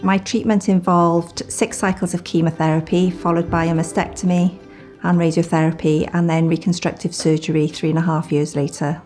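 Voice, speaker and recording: A woman in her fifties, a patient, talking calmly and matter-of-factly about her treatment. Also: fairly low pitch, moderate pace, soft background music. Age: 50s. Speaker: patient sharing her experience. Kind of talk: casual chat.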